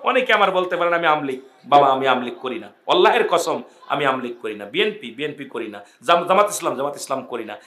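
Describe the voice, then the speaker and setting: A man preaching a fervent sermon at a religious gathering, calling on the crowd to shout back and swinging between loud cries and hushed pleading. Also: medium pitch, lively intonation, a little fast, slight background noise. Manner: call-and-response, urging the crowd to shout back.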